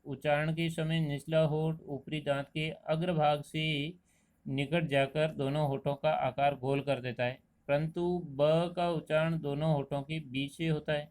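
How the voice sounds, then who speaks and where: Man, Rajasthani accent, teacher, slow measured lesson, smooth clear voice, stretched-out examples. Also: on the high side, level tone, a little mellow. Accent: Rajasthani Hindi. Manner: slow, deliberate explanation, stretching out example words. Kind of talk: classroom lesson.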